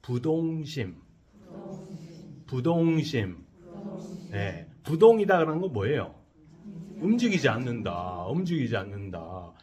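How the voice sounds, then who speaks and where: Lively Korean monk preaching in call-and-response. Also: male voice, medium pitch, slow, pauses often, crowd noise. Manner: asks the audience questions and answers them himself; leads the congregation in call-and-response repetition. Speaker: Buddhist monk giving a dharma talk. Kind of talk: sermon to a live congregation. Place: temple dharma hall.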